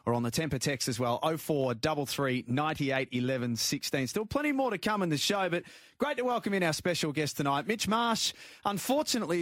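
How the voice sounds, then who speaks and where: A man's voice: on the high side, a bit bright, dry recording, clean studio sound. An Australian man hosting a sports radio show and interviewing a guest.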